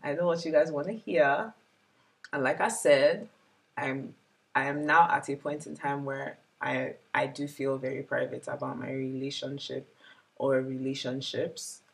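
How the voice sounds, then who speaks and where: Her voice is rumbling low and gravelly, unhurried with fairly even intonation. A vlogger in her 20s, she chats casually and reflectively with viewers in a year-in-review talk full of "like" fillers.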